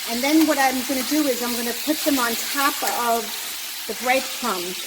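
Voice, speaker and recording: Talking at a normal speed in a high voice, this Brooklyn-accented mature woman walks viewers through a home-cooking demonstration in an easygoing way while she cooks. The handheld, tripod-free camera picks up a reverberant apartment kitchen, with a pan sizzling distinctly and stirring in the background.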